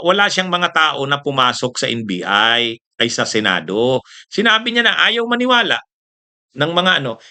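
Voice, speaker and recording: A man's voice: on the high side, sharp tone. A Filipino man hosting casual political commentary, chatty, with laughing asides and rhetorical checks to his audience.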